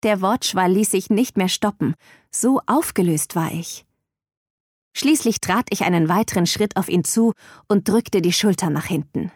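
A woman reading a novel aloud in the first person, with lively and expressive storytelling. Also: mid-range voice, moderate pace, dry recording, studio quality. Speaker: audiobook narrator.

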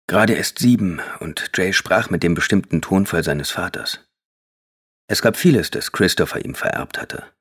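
A man reading a novel aloud as an audiobook narrator, in steady, measured scripted narration. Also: low voice, slightly rough.

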